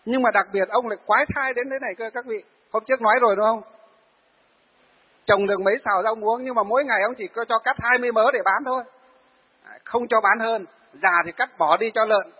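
A Buddhist monk, giving a sermon to lay followers and telling stories of them in a lively way. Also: male voice, sits high, brisk, breathy edge. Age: 40s. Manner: storytelling, acts out the people he tells of. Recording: phone-like, hall reverb.

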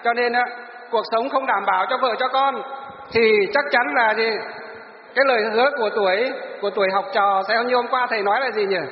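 A man's voice: very high-pitched, steady tone, a little fast. A male teacher, lecturing students in class and answering his own rhetorical questions. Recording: echoey hall, dull lo-fi.

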